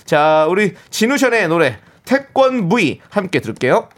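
A man hosting a radio show from the studio, polite and deadpan, playing along with his co-host's jokes. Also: high-pitched, normal speed. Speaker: radio host. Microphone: studio microphone.

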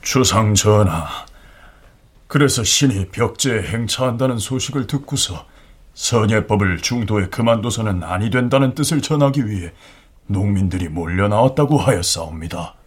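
A man playing a dignified, deferential royal secretary of the Joseon court in a historical radio drama, with formal, measured speech. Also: lowish voice, animated, slightly rough. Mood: solemn appeal.

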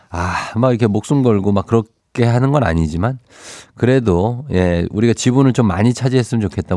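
A man's voice: lowish voice, warm tone, dry recording. Chatty male radio DJ, dry studio sound. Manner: chatty, playful, reads listener texts aloud. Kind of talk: casual morning radio chat. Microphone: studio microphone.

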